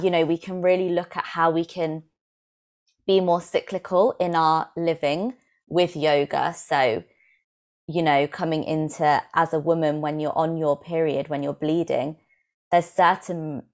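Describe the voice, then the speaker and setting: A woman from England, a yoga teacher, calmly explaining practices in a podcast interview. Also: sits low, a little slow.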